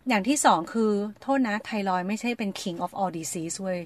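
A woman chatting casually and frankly as a podcast host, swearing freely and acting out what others said. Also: medium pitch. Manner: fast and chatty. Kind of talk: casual chat.

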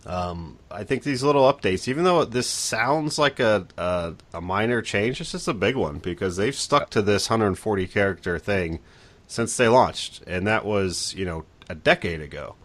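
A man with a very low, deep voice talks casually on a tech podcast. He is chatty and relaxed, laughs easily and fills his sentences with "you know" and "um". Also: moderate pace.

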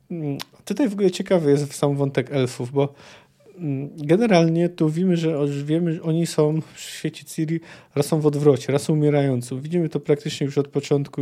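A young man hosts a fantasy book podcast, thinking aloud with frequent pauses and fillers. His voice sits a little high and has a mellow, relaxed tone. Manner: thoughtful, hesitant with fillers. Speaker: podcast host.

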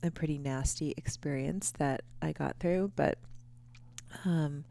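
A woman in her thirties hosting a podcast, talking quietly and half-whispering in a groggy early-morning voice at home, with many ums. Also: sits low, unhurried, gravelly. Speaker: podcast host. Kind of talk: casual podcast monologue. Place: quiet home before dawn.

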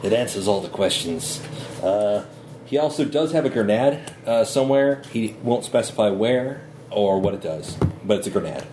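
A man's voice: fairly low pitch, lively intonation, moderate pace, mellow. A man playing a tabletop game, bantering casually with a playful, mock-grumpy manner. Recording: echoey room with clear background noise.

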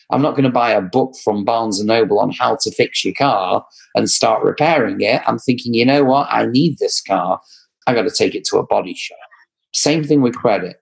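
A man's voice: fairly low pitch, vocal fry, breathy edge, rough recording. A man with an English accent, a credit repair business owner giving earnest, repetitive advice in a casual chat. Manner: earnest, advising, repeats for emphasis. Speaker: credit repair company guest.

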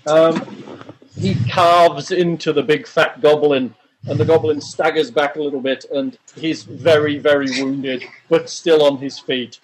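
A man acting as game master of a tabletop game, narrating attack rolls and damage in a relaxed, jokey way. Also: a little high, measured pace, a little hiss or hum, poor audio.

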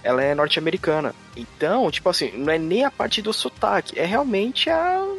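Halting, explaining man. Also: high-pitched, expressive, creaky, faint music behind. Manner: halting, many restarts, explanatory. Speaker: podcast co-host. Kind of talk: casual chat about a series.

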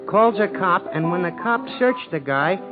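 An actor playing an excitable, good-natured bartender who gossips in long-winded street slang, in 1940s radio drama style. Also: male voice, sits high, measured pace. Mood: excited, slangy. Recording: muffled 1940s radio recording with music.

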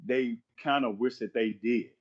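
A man's voice: mid-range voice, measured pace, muffled recording. A man in his fifties, a minister and podcast guest, talking earnestly and quoting scripture as he speaks. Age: 50s. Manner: earnest, repeats himself, quotes scripture. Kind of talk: podcast conversation, preaching-flavored.

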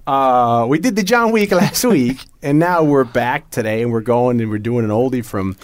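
A man's voice: mid-range voice, moderate pace, a little hiss or hum. A man co-hosting a movie podcast, chatting casually, rambling and laughing, a little jittery from coffee. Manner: joking, rambling, laughs often. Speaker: podcast co-host. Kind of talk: casual chat.

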